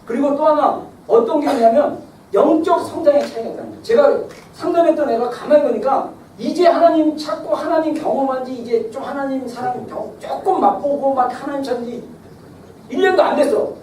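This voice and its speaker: A middle-aged man from South Korea preaching a sermon in a church, talking in a lively, conversational way that swings between loud and soft. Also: extremely high pitch, brisk. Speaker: pastor. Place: church sanctuary. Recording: echoey hall, mic far off, faint hiss.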